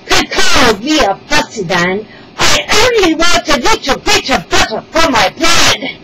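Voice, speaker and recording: A woman's voice: mid-range voice, very animated, a little slow, very noisy. A woman voicing a fussy old king who sobs and whimpers over his butter, read aloud for children. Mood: sobbing, whiny. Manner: sobbing and whimpering, then gleeful.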